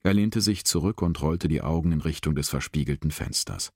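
Man, audiobook narrator, very deep voice, even steady reading, dry close sound. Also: brisk, breathy edge, no echo.

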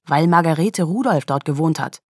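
A woman's voice: low voice, normal speed, breathy edge, no echo, clean studio sound. A woman reading an audiobook, voicing a blunt, loyal male forensics officer who speaks in a mocking, outspoken way.

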